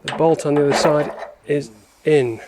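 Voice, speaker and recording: A man's voice: fairly high pitch, fairly even intonation, normal speed, heavy background noise. A man presenting a car repair vlog, explaining each step informally as he works. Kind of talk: casual hands-on how-to narration.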